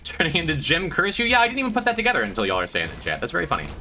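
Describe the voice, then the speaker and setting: Sing-song and rapid-fire, with a bright, forceful tone, a man streams a video game over soft music. His congested voice rambles to chat in a self-deprecating way, breaking into high, squeaky jokes.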